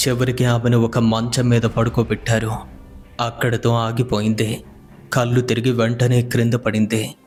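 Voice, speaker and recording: A man narrating a scripted horror story in a measured, even storytelling manner. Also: medium pitch. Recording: faint music behind the voice.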